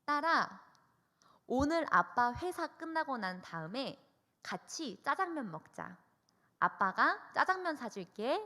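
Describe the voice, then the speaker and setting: A young woman voicing a kind father apologizing on the phone to his daughter, gentle and coaxing. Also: sits high, sing-song, slow pace, long reverb tail, pitched above the performer's own voice, exaggerated voice.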